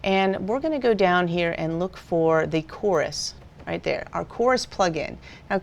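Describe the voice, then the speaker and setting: Woman, tutorial instructor, low voice, patient step-by-step explaining. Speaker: video editing instructor. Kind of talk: screen-recorded software tutorial.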